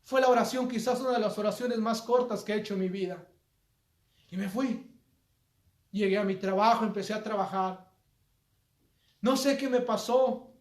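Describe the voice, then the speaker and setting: A man's voice: high voice, reverberant. A man preaching a sermon, speaking earnestly and appealing directly to his listeners. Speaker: pastor.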